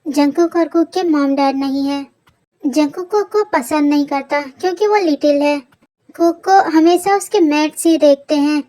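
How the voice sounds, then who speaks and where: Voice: sits high, measured pace, warm tone, poor audio. A narrator explaining the characters of a fan audio story in a plain telling manner.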